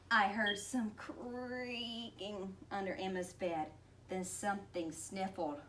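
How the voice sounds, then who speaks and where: Expressive woman reading a picture book. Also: mid-range voice. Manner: expressive, with lots of vocal play. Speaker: storyteller. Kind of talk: picture-book read-aloud to an audience. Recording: distant mic, faint background noise.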